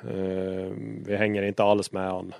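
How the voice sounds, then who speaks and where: Low-voiced guy, rally co-driver telling stories, swears a lot, dry close sound. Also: vocal fry, clean tone, no echo. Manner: lively storyteller, swears freely, acts out quarrels. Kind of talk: casual anecdote telling in an interview.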